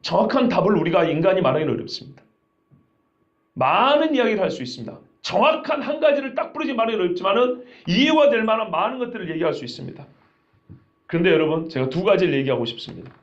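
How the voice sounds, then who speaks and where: Male pastor preaching, pretty high voice that swings all over, kinda muffled lo-fi sound. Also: expressive, quick pace. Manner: conversational preaching with rhetorical questions. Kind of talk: sermon.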